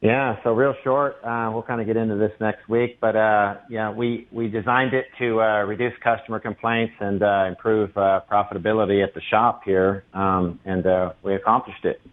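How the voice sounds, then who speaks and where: Low-voiced man on a tinny phone line. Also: fairly even intonation, normal speed, few pauses. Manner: hesitant, many "uh" fillers. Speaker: caller, local business owner. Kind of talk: casual call-in chat. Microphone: telephone.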